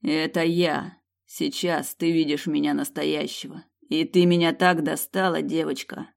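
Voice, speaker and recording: A woman's voice: low-pitched, flat delivery, a little slow, creaky. Woman reading as a cold menacing mercenary. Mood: threatening. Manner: clipped, cold delivery. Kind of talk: audiobook character reading.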